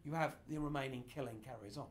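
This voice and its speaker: In a small indoor room, a middle-aged man gives an informal history lecture, gesturing broadly as he explains. His mid-range voice moves fast, with slight background noise.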